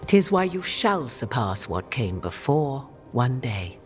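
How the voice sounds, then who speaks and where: In a video game cutscene, a proud and cryptic sorceress speaks in old-fashioned, measured phrases, revealing her secrets one at a time. Her very deep voice rises and falls widely, very animated in a full character performance, sounding aloof and self-assured. Soft music plays in the background.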